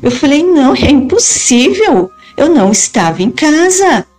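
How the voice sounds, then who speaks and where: Middle-aged woman storyteller, earnest first-person account, slightly high voice, faint music bed. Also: big pitch swings, normal speed, a little mellow. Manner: earnest, retells dialogue in quotes. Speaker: storyteller recounting a haunted house.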